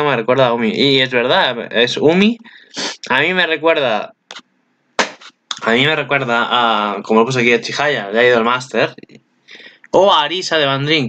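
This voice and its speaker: A man's voice: medium pitch, moderate pace, a bit bright, muffled recording. A man, chatting casually as channel host in a rambling way, often correcting himself. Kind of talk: casual anime commentary.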